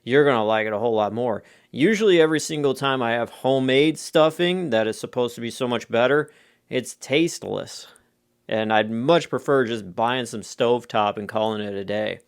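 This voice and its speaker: A man's voice: medium pitch, normal speed, smooth, no echo, clean studio sound. An American man chatting casually through a food review in a rambling, offhand, conversational way. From United States. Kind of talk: casual off-the-cuff review chat.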